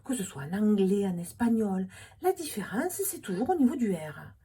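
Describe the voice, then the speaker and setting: A woman's voice: mid-range voice, sing-song, fairly quick, dark tone, slight background noise. A woman from Toulouse with a Toulouse accent, talking alone in a humorous, ironic monologue with whispered asides. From Toulouse, France. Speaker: vlogger.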